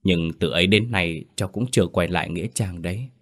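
A man's voice: low voice, fairly quick. An actor playing a loyal young driver who answers his boss politely. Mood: deferential. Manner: polite and deferential.

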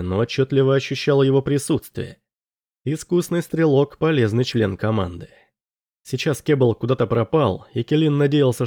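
A man narrating an audiobook in an even, measured way. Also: mid-range voice, no room sound, studio quality.

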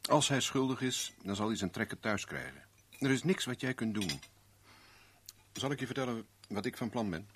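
Quiet and serious, this male actor speaks with a Netherlands Dutch accent as a shrewd, self-assured private investigator in a 1970s radio play, measured, persuasive and knowing. His voice is lowish, expressive and a bit bright, with slight background noise.

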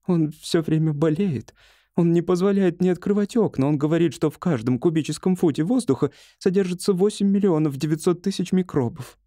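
A man's voice: fairly high pitch, fairly quick, no echo, studio quality, voice pushed up, natural voice. A man doing a timid, worried wife. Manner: soft, worried, pleading. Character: timid, anxious middle-aged wife, soft and pleading. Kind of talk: audiobook character voice.

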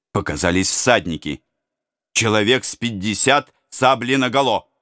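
A man narrating a historical novel as an audiobook in a measured, expressive reading. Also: mid-range voice, dry recording, studio quality. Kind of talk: scripted narration.

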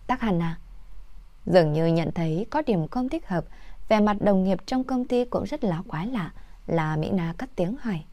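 A woman's voice: medium pitch, lively intonation, normal speed, dark tone, no room sound. Woman reading a novel aloud, dry sound. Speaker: narrator. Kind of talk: audiobook novel narration.

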